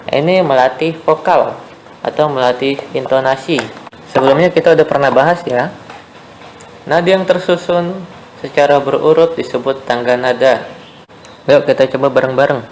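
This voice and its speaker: Seorang guru pria memberi pelajaran musik daring untuk murid sekolah, dengan sabar mengulang poin penting dan sering bertanya "ya" atau "oke". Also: male voice, medium pitch, steady tone, moderate pace, pauses often, darkish tone, slight background noise, low-quality recording. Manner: patient, repeats key points, checks in with "ya" and "oke". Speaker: teacher. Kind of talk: online music lesson for schoolchildren.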